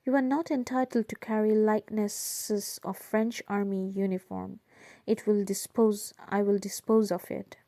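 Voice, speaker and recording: A woman's voice: mid-range voice, steady tone, unhurried, mellow, no echo, clean studio sound, close to an everyday voice. A woman voicing a harsh, bullying male army officer with curt, cold commands in an audiobook reading. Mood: cold, menacing.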